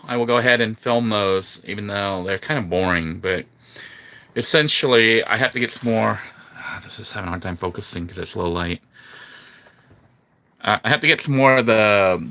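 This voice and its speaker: A man's voice: fairly low pitch, bright, forceful tone. A man giving an informal, rambling video update as a vlogger, hesitating and filling with "you know". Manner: informal, rambling, hesitant delivery with repeated 'you know'. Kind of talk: casual video walkthrough. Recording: faint background noise and ambience.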